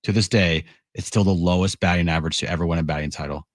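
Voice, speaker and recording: Deep-voiced deadpan radio co-host, man. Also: fast, no echo, clean studio sound. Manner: wry, deadpan banter. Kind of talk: casual sports talk radio. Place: radio studio.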